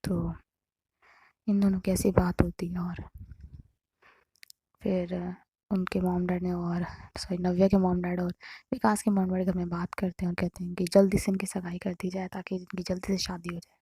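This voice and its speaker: A woman telling a story in a casual, conversational and hushed way. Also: lowish voice, flat delivery, moderate pace, long pauses, slightly rough.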